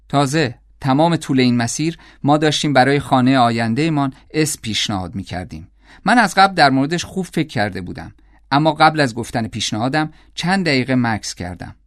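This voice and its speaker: Calm male audiobook narrator, dry sound. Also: medium pitch, dry recording. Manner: measured, calm storytelling.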